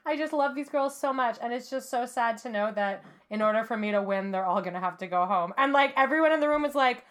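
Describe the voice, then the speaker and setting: A woman co-hosting a casual recap chat, relaxed, agreeable and wry. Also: a little high, fast. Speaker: podcast co-host.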